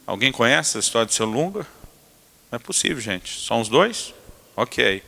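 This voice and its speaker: A man, a pastor preaching a sermon who tells family stories in an animated, comic way. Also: medium pitch. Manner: animated, acts out family scenes with comic asides. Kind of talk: humorous sermon storytelling. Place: church sanctuary. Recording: long reverb of a church hall.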